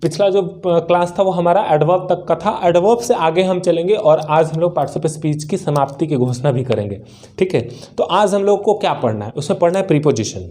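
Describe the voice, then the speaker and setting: Indian accent वाला एक पुरुष अंग्रेज़ी शिक्षक, जो हिंदी में अंग्रेज़ी पढ़ाता है, बार-बार सवाल पूछकर ख़ुद जवाब देता है और मुख्य शब्द दोहराता है।. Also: male voice, a little high, moderate pace, mellow. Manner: asks questions and answers them himself, repeats key words. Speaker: English teacher. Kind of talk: spoken English lesson in Hindi.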